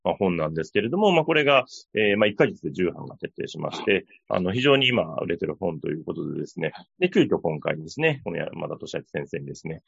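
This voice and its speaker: A man hosting a conversational radio interview, with halting phrasing padded with fillers and confirming particles. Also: sits low, very animated, vocal fry, breathy edge, no echo, highs cut off. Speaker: radio show host.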